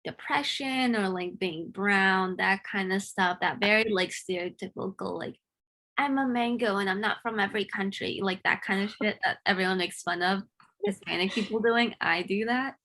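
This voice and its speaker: A woman's voice: mid-range voice, normal speed, sharp tone. A nineteen-year-old woman hosting a casual interview, eager and chatty with gushing reactions. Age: teens.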